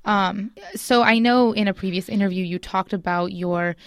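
A woman's voice: medium pitch, moderate pace, clean tone. A woman hosting a radio interview, asking questions in an attentive, conversational way.

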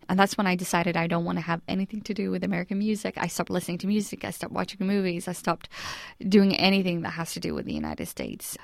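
A woman from Iraq in her thirties, speaking as an interview guest. Her voice sits a little low, and she recounts her memories earnestly, often restarting and adding "you know." The sound is close and dry, with no room echo. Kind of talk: personal storytelling in an interview.

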